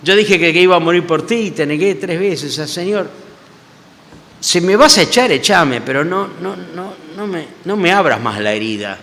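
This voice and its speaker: A remorseful male apostle begs and reproaches himself in a high, strained voice, put on by a man. The tone is bright and cutting, with a long church-hall reverb trailing each phrase. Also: expressive, normal speed. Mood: pleading. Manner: pleading, breathless self-reproach in a higher voice. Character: remorseful, pleading male apostle, an adult fisherman.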